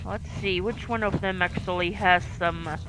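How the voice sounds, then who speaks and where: Streaming from home in France, a Finnish woman with a light accent talks through her own live gameplay, pausing and filling gaps with fillers as she thinks aloud. Her voice sits on the low side with fairly even intonation, and there is background noise.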